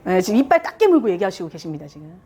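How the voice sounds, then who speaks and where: A woman's voice: on the low side, big pitch swings, very fast, mellow. A woman giving a live lecture to parents on communication styles, playful, often laughing and acting out what people say. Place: lecture room with a live audience.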